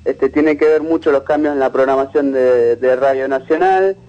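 A man, a media researcher giving a measured, analytical interview with frequent restarts. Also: medium pitch, muffled recording.

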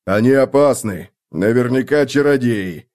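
A man's voice: medium pitch, expressive, unhurried, a little mellow, lightly acted. Frightened bearded male laborer read by a man; nervous plea. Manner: nervous, pleading.

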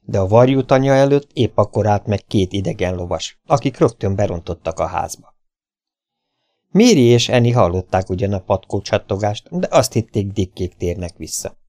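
A man narrating a novel as an audiobook reader, with steady, even storytelling. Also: fairly low pitch, dry recording. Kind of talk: scripted narration.

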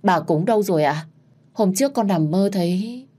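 A woman's voice: mid-range voice, lively intonation, normal speed, mellow, husky. A woman voicing an anxious young heroine who speaks politely to her elders.

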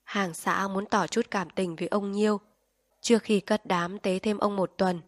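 A woman narrating an audiobook in a calm, measured storytelling voice. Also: medium pitch, no echo. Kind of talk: audiobook reading.

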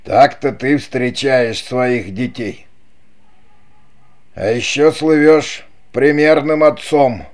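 A man's voice: medium pitch, steady tone, takes it slowly, close to an everyday voice. A man voicing a vengeful, mocking male chief who taunts his brother in an audiobook, sneering and cruel. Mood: taunting. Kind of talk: audiobook character reading.

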